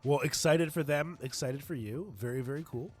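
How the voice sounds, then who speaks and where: Middle aged guy podcast host just chatting, voice a bit high, some music behind. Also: moderate pace. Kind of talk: casual conversational chat.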